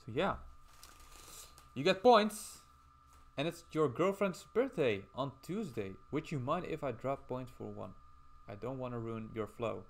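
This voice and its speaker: A man's voice: medium pitch, lively intonation, measured pace, creaky. A man streaming casually as he draws, rambling and chatting while reading out viewer messages. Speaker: livestreamer.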